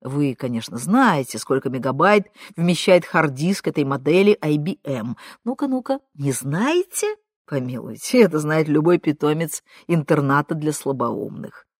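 A woman's voice: sits low, expressive, normal speed, hardly any pauses, no room sound, clean studio sound. A woman reading the part of a smug, condescending man who belittles people sarcastically. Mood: sneering. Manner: sneering, sarcastic. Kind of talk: audiobook reading.

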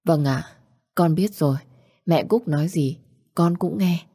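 Earnest young orphan man, pleading and tender, low and mellow, read by a woman storyteller. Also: a little slow, husky, no room sound. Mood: meek.

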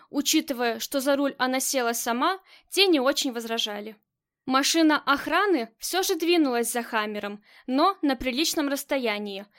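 A woman narrating a crime novel aloud in a steady storytelling delivery. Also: high-pitched. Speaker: audiobook narrator. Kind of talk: scripted narration.

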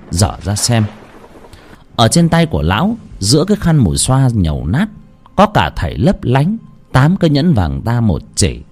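A man's voice: medium pitch, breathy edge. Man narrating a ghost story dramatically. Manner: dramatic, lively delivery.

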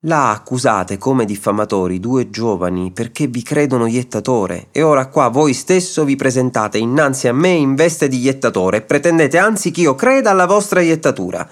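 A man voicing a calm, patient judge who reasons gently, in a radio story reading. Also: medium pitch, normal speed, hardly any pauses, voice pushed up, natural voice. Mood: puzzled. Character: patient, wry male judge.

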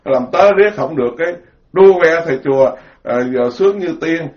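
Folksy Southern Vietnamese monk, lo-fi. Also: male voice, a little high, expressive, a little fast. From southern Vietnam, Mekong Delta. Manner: folksy, joking, repeats words in emphatic lists. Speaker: Buddhist monk giving a dharma talk. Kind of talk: informal sermon. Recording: dull lo-fi recording.

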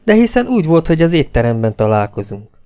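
A man's voice: a little high, big pitch swings, mellow, clear, resonant tone, pitched above the performer's own voice. A man reading the part of an anxious young woman in an audiobook, raising his voice a little. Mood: flustered.

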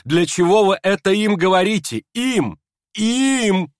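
A man reading aloud and voicing a proud young woman, furious and scornful, in shrill indignant outbursts. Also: animated, takes it slowly, dry recording, studio quality.

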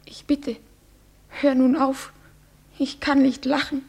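An actress playing a frightened young bride who pleads in a breathy, often whispered voice, in a classic radio play. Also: female voice, high-pitched, flat delivery, slow pace, a little mellow, full character voice. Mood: despairing. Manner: pleading, trembling.

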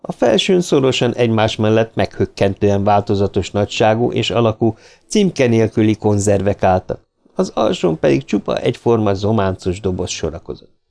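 A man narrating a science fiction audiobook in a measured storytelling manner. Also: on the low side, animated, gravelly, darkish tone. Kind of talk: scripted narration.

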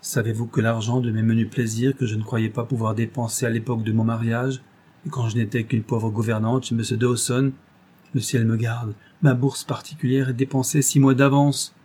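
A man voicing a desperate, proud noblewoman who speaks in a sharp, commanding and scornful way, in an audiobook reading. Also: medium pitch, level tone, moderate pace, slightly rough, lightly acted. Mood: bitter.

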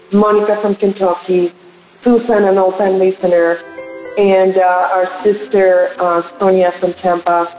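A woman pastor prays fervently on a call-in line, calling her listeners family, with a canyon-like echo from the bare room of an empty new house. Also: mid-range voice. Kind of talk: spoken prayer on a call-in line. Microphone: phone call. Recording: phone-line sound with roomy echo.

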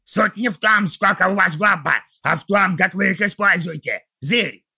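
A shrill raspy goblin warlord. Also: male voice, normal speed, pushed and bright, heavily acted. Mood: ranting. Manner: barking, ranting orders. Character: cruel scheming male goblin warlord, short-tempered.

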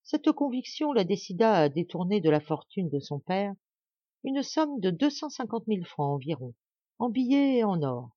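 A woman narrating a classic novel as an audiobook reader, in measured, expressive storytelling. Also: mid-range voice, slightly rough, dry recording, highs cut off.

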